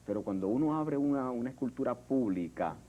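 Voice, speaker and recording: A Puerto Rican sculptor in an interview, speaking in a reflective, hesitant way with many fillers and restarts. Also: male voice, mid-range voice, expressive, a little fast, warm tone, muffled recording, a little hiss or hum. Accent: Puerto Rican Spanish. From Puerto Rico. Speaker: artist, sculptor. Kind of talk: interview conversation.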